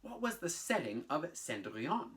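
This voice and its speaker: An animated, theatrical male teaching artist presents a children's lesson of storytelling and instruction indoors, in a home bedroom. His pitch is fairly high and his speed normal, and he enunciates clearly and uses sing-song chants.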